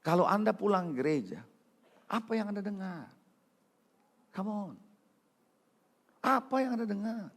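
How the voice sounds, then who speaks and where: A man preaching a sermon as pastor, calling out to the congregation and swinging from loud calls to hushed lines. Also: sits high, lively intonation, measured pace, long pauses. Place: church hall. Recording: long reverb of a large hall.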